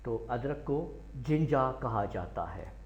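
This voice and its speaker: A man with a Pakistani accent gives a slow, deliberate lesson, saying each word several times and spelling it out letter by letter. His voice sits at an ordinary middle pitch. The recording is echoey and dull, with a lo-fi sound. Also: lively intonation. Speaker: teacher. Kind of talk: slow classroom lecture.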